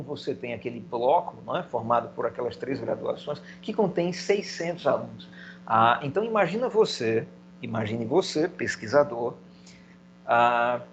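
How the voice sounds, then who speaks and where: A man's voice: on the high side, muffled recording, a little hiss or hum. A man teaching a recorded video lesson, explaining step by step and putting questions to himself in his students' voice. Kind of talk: video lecture.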